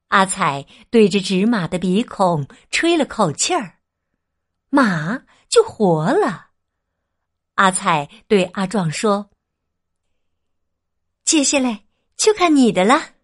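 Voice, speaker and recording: Slow expressive woman storyteller. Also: medium pitch. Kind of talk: children's story narration.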